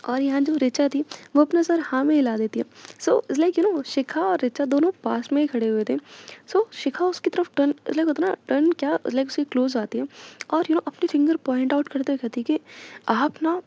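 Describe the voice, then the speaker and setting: A woman's voice: sits high, moderate pace, vocal fry, warm tone. A young woman casually retelling an audio story, chatty and full of fillers, in a dull lo-fi recording.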